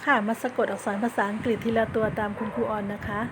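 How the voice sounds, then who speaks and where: A woman teaching kindergarten children in an online lesson. She coaxes them patiently and spells words out slowly, one letter at a time. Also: on the high side. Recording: steady background noise.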